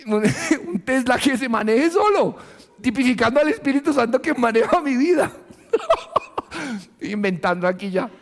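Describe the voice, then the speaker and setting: High-voiced Colombian pastor preaching. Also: male voice, measured pace. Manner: animated, joking, laughs often. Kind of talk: sermon. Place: church. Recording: long reverb of a church hall.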